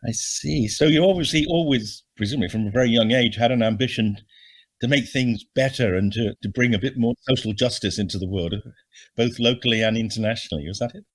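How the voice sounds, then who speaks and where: An older man from Bristol hosts the interview, asking friendly, probing questions in a loose, rambling way. His voice sits at an ordinary middle pitch for a man. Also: a little fast. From Bristol, England. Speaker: podcast host. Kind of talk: interview hosting.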